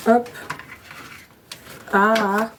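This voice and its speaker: A woman chatting casually as she unboxes items at home on her bed, gushing and excitable, with plenty of fillers. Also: on the high side, drawn-out words, a little hiss or hum. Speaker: vlogger.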